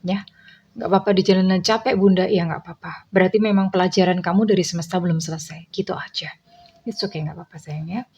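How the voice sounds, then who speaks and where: A woman giving a casual tarot reading to her viewers in a gentle, reassuring way, calling them dear and slipping in English phrases. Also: on the low side, steady tone, fast talker, husky, muffled recording. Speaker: tarot reader.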